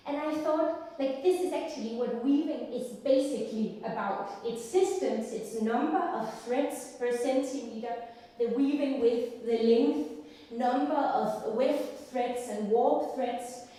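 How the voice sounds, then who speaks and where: A woman in her thirties with a Danish accent, giving an academic lecture in an unhurried, thoughtful way with frequent pauses. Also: sits high, dark tone. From Denmark. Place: large lecture hall. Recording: echoey hall, distant mic.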